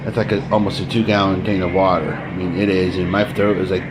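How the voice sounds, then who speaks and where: Late at night, a man live-streams and chats casually with his viewers, rambling, repeating himself and chuckling often. His voice is low and fairly even in intonation, and he talks fast against a noisy background. He is losing his voice and his throat is dry.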